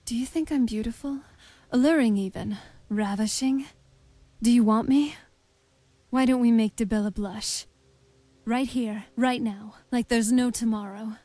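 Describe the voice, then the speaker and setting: Slow, mellow Serana, wistful vampire woman voiced by an actress. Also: on the high side, no room sound. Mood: seductive.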